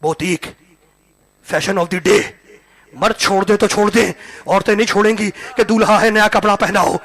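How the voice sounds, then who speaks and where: High-voiced, gravelly shouting male preacher. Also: fairly even intonation. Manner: shouting, repetitive oratory, swinging between loud and hushed. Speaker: religious orator. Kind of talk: impassioned sermon. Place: mosque hall, live gathering.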